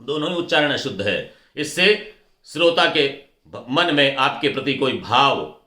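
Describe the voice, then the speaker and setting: A man's voice: mid-range voice, expressive, measured pace, bright, forceful tone. A middle-aged man giving a lecture on pronunciation for stage anchoring, repeating words to contrast right and wrong forms. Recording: echoey room.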